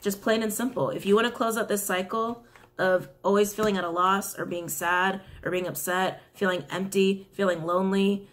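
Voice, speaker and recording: A young female tarot reader with a raspy, mid-range voice does a casual reading to camera in a small indoor room. She's chatty and giggly, dropping apologetic asides, and speaks at a moderate pace with fairly even intonation.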